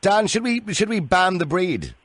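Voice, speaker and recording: A man's voice: high voice, very animated, moderate pace, fairly bright tone, no room sound. An Irish man hosting a radio phone-in and moderating a live discussion between callers.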